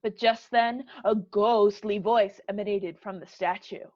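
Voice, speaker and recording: A woman's voice: mid-range voice, steady tone, measured pace, close to an everyday voice. A woman playing an offhand, self-assured fairy tale narrator in a comic stage play. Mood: storytelling. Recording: dull, lo-fi audio.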